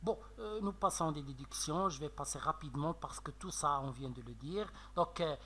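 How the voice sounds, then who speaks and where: A man teaching a French literature lesson with a Moroccan French accent, explaining slowly with many fillers and checks of "d'accord?". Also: on the high side, bright, forceful tone, slightly rough. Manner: slow, explanatory, frequent "euh" and "d'accord?". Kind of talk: classroom lecture on poetry analysis.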